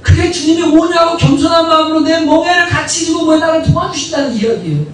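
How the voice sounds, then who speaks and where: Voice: very high voice, quick pace. A pastor preaching a sermon who fires repeated rhetorical questions at the congregation and acts out quoted prayers and dialogue. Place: church sanctuary. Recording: very echoey church hall, distant mic, faint noise.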